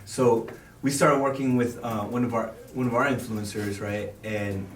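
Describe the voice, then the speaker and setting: Animated slangy man, casual chat, heard from off-mic in a roomy space. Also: fairly low pitch, moderate pace, recorded from a distance, a little hiss or hum. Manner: animated, slangy, talks through numbers. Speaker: app business owner.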